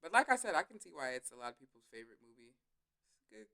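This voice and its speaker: A woman's voice: deep voice, very animated, very fast, a crowd in the background. A young woman co-hosting a podcast, chatting casually in a laid-back, slangy, bantering way. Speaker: podcast co-host. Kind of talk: casual chat.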